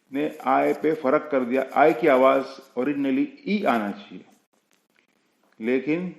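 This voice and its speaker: A man teaching a spoken language lesson, explaining slowly and patiently and spelling words out letter by letter. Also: medium pitch, gravelly, reverberant, low-quality recording. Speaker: English teacher.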